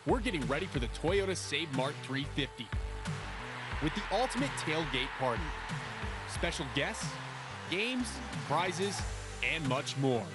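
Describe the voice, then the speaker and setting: A man announces a scripted sports promo. His voice sits a little high, with music clearly playing underneath. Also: very animated, a little slow, long pauses. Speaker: show announcer. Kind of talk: scripted promotional intro narration.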